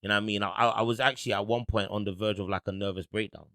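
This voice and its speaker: A man's voice: on the low side, steady tone, racing, bright, forceful tone, no echo, studio quality. A man, telling a personal story in casual podcast chat. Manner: storytelling, acts out quoted voices. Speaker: podcast co-host.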